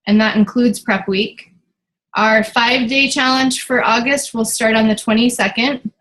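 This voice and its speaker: A woman's voice: fairly high pitch, steady tone, moderate pace, fairly bright tone, rough recording. A woman running a casual team meeting as coach, chatty and loose, with lots of fillers and restarts.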